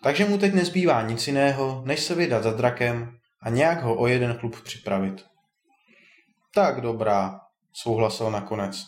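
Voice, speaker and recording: A man calmly reading a fairy tale aloud as storyteller. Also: medium pitch, few pauses. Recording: roomy echo.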